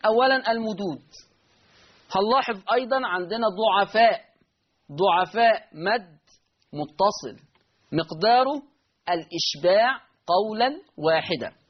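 A man's voice: high-pitched, slightly rough, lo-fi sound. A man with an Egyptian Arabic accent teaching Quran recitation rules in an online lesson, repeating key terms and answering his own questions.

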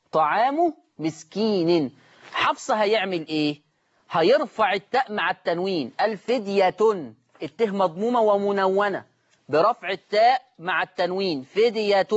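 This high-voiced man, speaking with an Egyptian Arabic accent, leads a call-in Quran recitation lesson. He repeats every word at a slow pace and stretches the recited forms, while the recording has its highs cut off.

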